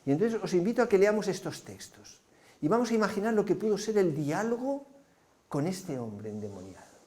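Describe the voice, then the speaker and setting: A man's voice: high voice, big pitch swings, a little fast, darkish tone. A man preaching a sermon, painting vivid scenes and asking his listeners rhetorical questions. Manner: vivid storyteller, asks the congregation rhetorical questions.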